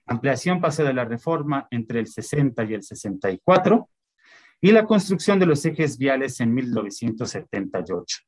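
A man gives an online lecture. He talks at a medium pitch, reading out dates and lists and filling his pauses with many hesitations. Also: sing-song, darkish tone.

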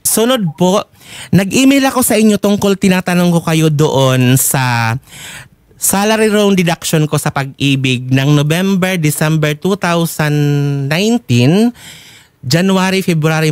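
A factory worker with a Filipino accent formally and insistently lays out his grievances as a complainant, speaking into a desk microphone in a broadcast studio packed with coworkers. His slightly high voice is animated and unhurried, with a clean tone and a dry recording.

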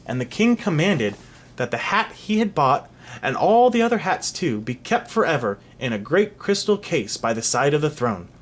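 A reader narrating a storybook aloud for a child in an expressive, animated way. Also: mid-range voice, normal speed.

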